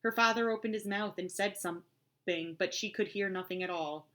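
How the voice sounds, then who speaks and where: A woman reading a storybook aloud in a measured storytelling manner. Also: medium pitch, a bit bright. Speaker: audiobook reader. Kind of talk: scripted narration.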